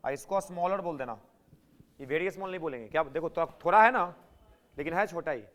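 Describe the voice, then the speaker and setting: Male physics teacher, high pitch, classroom lecture, keeps pushing students to answer. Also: animated, fast talker, a bit bright. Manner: prodding students to answer, repeating points.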